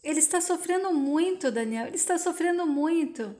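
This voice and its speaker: A woman's voice: very high-pitched, animated, a little fast, warm tone, pitched above the performer's own voice. A woman reading the lines of an earnest young woman torn between love and life. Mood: yearning. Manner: earnest, yearning.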